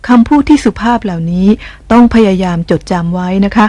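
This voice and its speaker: A woman teaching as a language teacher, narrating a scripted lesson in a gentle, polite explaining tone. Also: medium pitch, expressive, a little fast, dry recording. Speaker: English teacher.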